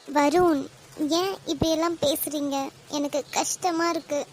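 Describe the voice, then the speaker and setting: A woman voicing young women in an animated love drama, speaking with a Kanyakumari Tamil accent in an emotional way. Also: high-pitched, a little slow. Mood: tearful. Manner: emotional, tearful at times. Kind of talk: animated web series voice acting.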